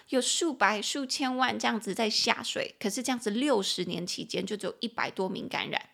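Taiwanese woman, podcast English teacher, slight vocal fry, reads lines slowly then chats through them. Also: mid-range voice, a bit bright. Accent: Taiwanese Mandarin. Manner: chatty, explanatory. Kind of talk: bilingual language-lesson podcast.

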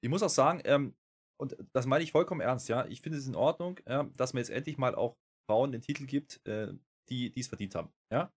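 A man's voice: medium pitch, brisk, husky. A man chatting casually on a wrestling podcast, rambling with lots of fillers and restarts and getting worked up as he goes. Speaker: podcast co-host.

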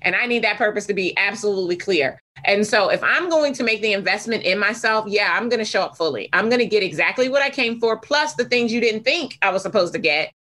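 A woman's voice: medium pitch, expressive, fast, few pauses, sharp tone. A woman in casual conversation about business, talking with emphatic motivational drive.

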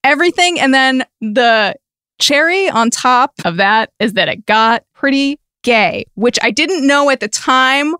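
Female podcast guest, higher voice, dry close sound, animated and gushing with wry asides. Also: measured pace, clear, resonant tone, no echo. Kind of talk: casual chat.

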